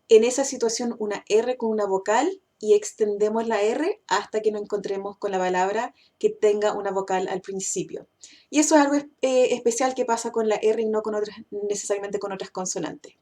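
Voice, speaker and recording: Woman, higher voice, casual pronunciation lesson, relaxed, thinking fillers. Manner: slows down and stretches English example words. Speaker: English pronunciation teacher.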